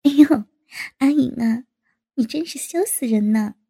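A woman's voice: high-pitched, measured pace, vocal fry, warm tone, slightly rough, pitched below the performer's own voice, exaggerated voice. A woman voicing a bashful young adult daughter who scolds and teases with a laugh. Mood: teasing.

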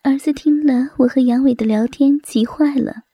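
A woman narrating a story in a soft, breathy whisper. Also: high-pitched, normal speed, dry recording.

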